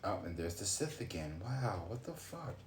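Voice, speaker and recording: This card-reading streamer, in his late twenties, rants casually and thinks out loud, swearing and exclaiming abruptly. His pitch is fairly low but swings widely, at a normal speed. A little hiss or hum sits beneath the faint ambience of an echoey room.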